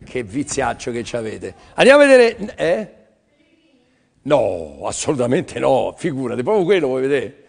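A man's voice: medium pitch, expressive, unhurried, creaky, darkish tone, husky. An older man hosting a live art sale on television, talking in a chatty, teasing, rambling sales patter. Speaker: TV art auction seller.

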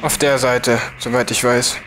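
A man's voice: medium pitch, little pitch movement, a little slow, background noise. A German man giving casual game commentary as a let's player. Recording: very loud music and game sounds behind. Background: music, vehicle and game sounds.

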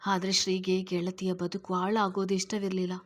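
A woman narrates a serialized story in a steady, measured reading voice. Her pitch stays flat and even in a middle register.

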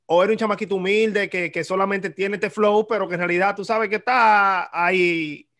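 Young Dominican male host, teasing and slangy, high and bright, recorded over a video call. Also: fairly even intonation, normal speed. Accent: Dominican Spanish. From Dominican Republic. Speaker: interview host. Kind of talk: casual interview on a video call. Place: small room indoors.

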